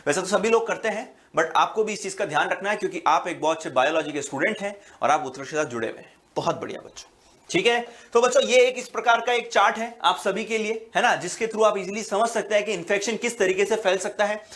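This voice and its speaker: A man's voice: high-pitched, fairly bright tone. A male biology teacher giving an exam-prep lecture, talking patiently to students and often checking that they follow. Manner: explains slowly, repeating "बच्चों" and "है ना" often; fills pauses with "अ" and restarts words.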